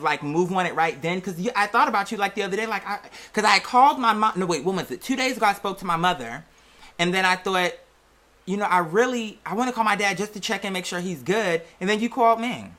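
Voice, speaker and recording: A sharp-toned, mid-range voice carries this casual personal chat from an American content creator. She speaks frankly, rambles, and leans on repeated phrases for emphasis.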